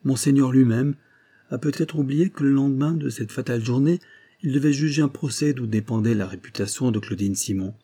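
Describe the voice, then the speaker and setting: A man narrating a classic novel in a steady, even reading voice. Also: mid-range voice, a little fast, husky. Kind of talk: audiobook reading.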